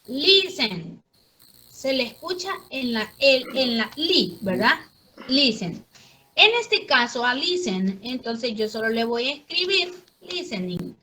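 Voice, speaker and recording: A woman's voice: a little high, big pitch swings, a little slow, few pauses, bright, forceful tone, low-quality recording. A woman teaching English grammar to a class, explaining patiently step by step.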